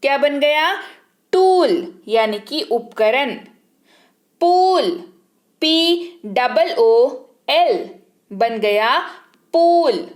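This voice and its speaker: A woman's voice: high-pitched, animated, very slow, long pauses. A woman teaching English words, spelling each one out letter by letter and repeating it with its meaning. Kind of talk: slow teaching lesson, spelling words aloud.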